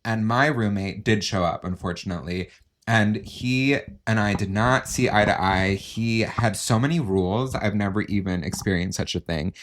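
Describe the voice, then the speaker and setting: A young man co-hosting a podcast, telling long, rambling stories in casual chat. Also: lowish voice. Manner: chatty storyteller, drawn-out anecdotes, laughs often. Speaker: podcast co-host.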